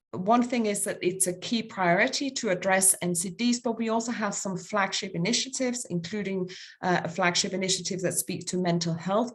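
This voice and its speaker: A woman with a Danish accent giving a formal conference presentation, pausing often with ums and uhs as she works through numbered points. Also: medium pitch. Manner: halting, many ums and uhs, lists points. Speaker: conference speaker.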